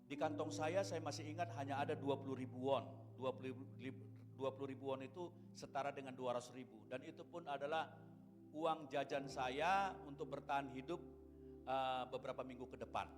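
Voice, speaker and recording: A man's voice: mid-range voice, a little fast, big-room sound, music in the background. A male pastor in his fifties preaching a sermon, telling a personal story and often addressing the congregation. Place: church.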